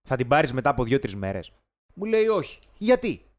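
Animated man in his thirties. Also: medium pitch. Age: 30s. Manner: animated storytelling, acts out quarrels. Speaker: podcast co-host. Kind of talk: casual chat.

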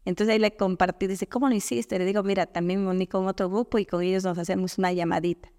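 Una mujer de Ecuador, invitada en una entrevista informal, que cuenta anécdotas con animación y recrea diálogos. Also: female voice, fairly low pitch, fast, long reverb tail. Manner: animated storyteller, quotes others in dialogue. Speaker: guest. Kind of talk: casual conversational interview.

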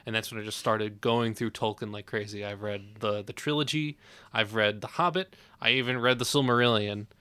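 A man's voice: on the low side, fairly even intonation, a little fast, pushed and bright, clear, resonant tone. A young adult man co-hosting a podcast, talking eagerly with stumbling restarts. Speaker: podcast co-host. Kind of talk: casual chat.

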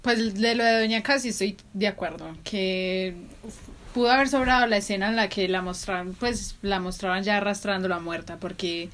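A woman's voice: medium pitch, moderate pace, fairly bright tone. A young adult woman co-hosting a casual podcast chat, hesitant and searching for words. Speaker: podcast co-host.

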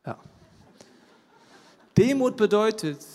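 A man's voice: high-pitched, expressive, slow. Emphatic preacher man in a reverberant hall. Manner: emphatic, swings from loud declaiming to hushed intimacy. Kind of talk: sermon.

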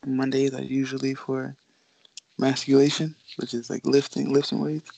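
A woman's voice: extremely low pitch, completely flat delivery, moderate pace, vocal fry, mellow, a little hiss or hum, low-quality recording. A young woman, a professional basketball player from the Bahamas who grew up in Florida, chatting casually and easygoing as a podcast guest. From Bahamas, raised in Florida. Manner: laid-back, easygoing, laughs often.

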